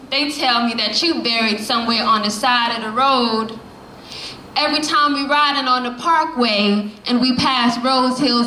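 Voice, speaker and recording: A woman's voice: fairly high pitch, pushed and bright, a little hiss or hum. A woman, performing spoken word poetry at a poetry café with impassioned, rhythmic repetition. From the Bronx, New York. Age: 20s. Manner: impassioned, rhythmic, repeating lines for emphasis. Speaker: poet at an open mic. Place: poetry café reading room. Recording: echoey room with faint ambience.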